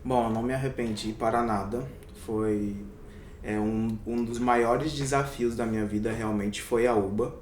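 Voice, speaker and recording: In a casual interview, a young Brazilian man in the role of a doctor responds thoughtfully but hesitantly, restarting often and using many fillers. His intonation stays fairly even at a normal speed, and he's far from the mic. The room echoes, he's somewhat off-mic, and a faint rumble runs underneath.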